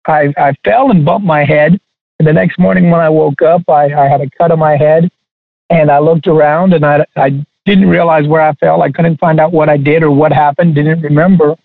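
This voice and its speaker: Gravelly man chatting over a phone line. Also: a little high, no room sound. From Texas. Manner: halting, many restarts. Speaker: guest chef. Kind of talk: casual interview talk.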